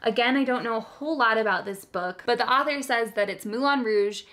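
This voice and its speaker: A woman's voice: fairly high pitch, brisk, pushed and bright. A woman hosting a book video, chatting casually to viewers in an enthusiastic, giggly, gushing way. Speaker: host of a book haul video.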